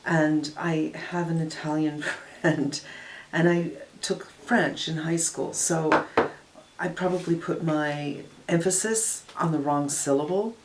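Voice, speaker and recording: A woman's voice: deep voice, fairly even intonation, slow pace, background noise. An older woman narrating a casual makeup tutorial, giving a frank, matter-of-fact review of eyeshadows as she swatches and applies them. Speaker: beauty vlogger.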